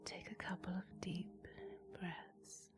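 Very slow whispering woman, sleep narrator. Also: on the low side, flat delivery. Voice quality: soft, breathy whisper. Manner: slow, soothing, gently instructing with long pauses. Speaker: guided relaxation narrator. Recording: soft music with singing bowl behind. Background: relaxation music.

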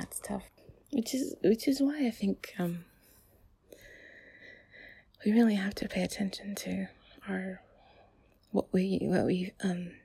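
A young woman whispering in a close ASMR chat, often giggling and sighing softly. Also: mid-range voice, creaky, breathy edge. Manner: soft whispering with frequent giggles and sighs. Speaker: ASMR creator.

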